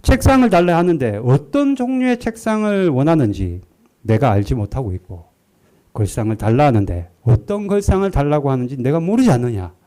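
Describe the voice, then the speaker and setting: God speaks as a stern father, setting out his reasons in a firm, measured way, as a male preacher acts him out in a sermon. The voice stays lively but mellow. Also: a little high.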